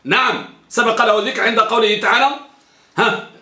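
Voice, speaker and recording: A man's voice: high voice, brisk, bright, forceful tone, roomy sound. A man teaching a grammar lesson to a class, who asks his students questions and repeats the key terms.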